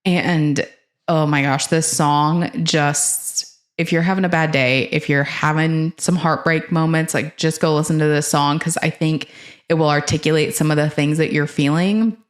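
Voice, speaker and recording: A woman's voice: sits low, fairly even intonation, normal speed. A young woman hosting a casual talk about favorite songs, rambling and enthusiastic with many fillers and restarts. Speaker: host. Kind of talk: casual chat about music.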